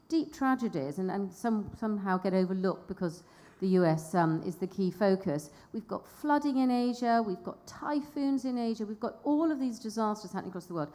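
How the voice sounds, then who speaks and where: A woman from the insurance field speaking on a conference panel, earnest and halting, with frequent restarts. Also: a little high, mellow.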